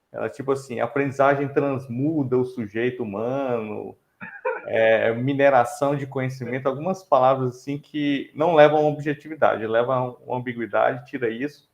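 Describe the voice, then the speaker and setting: A man with a Brazilian Portuguese accent gives a student academic critique at a defense. His voice has a gravelly, creaky texture at a mid pitch. He talks in a measured way, leaning on fillers and tag questions. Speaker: examiner at a thesis defense.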